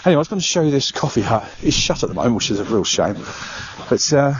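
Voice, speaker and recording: A man's voice: mid-range voice, big pitch swings, fast talker. Man, middle-aged, out of breath, rambling walk-and-talk, muffled lo-fi audio, noisy outdoors. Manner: rambling, chatty, with frequent "uh" and restarts. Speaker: travel vlogger. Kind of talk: casual walking vlog. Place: outdoor park by the water. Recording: dull lo-fi sound with clear background noise.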